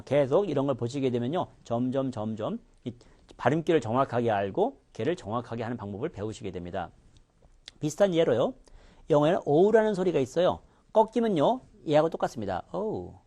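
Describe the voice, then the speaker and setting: A man teaching pronunciation in a lecture, demonstrating each sound with exaggerated contrasts. His voice sits in a middle register and swings widely in pitch as he explains. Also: mellow. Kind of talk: recorded lecture.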